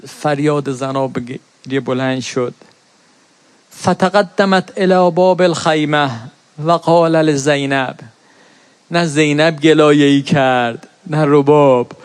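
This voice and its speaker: This middle-aged preacher's high, clean voice carries a sermon of mourning, starting in straightforward storytelling before rising into a fervent, sorrowful chant of recited verses. There's no room sound at all; the audio is dry and close.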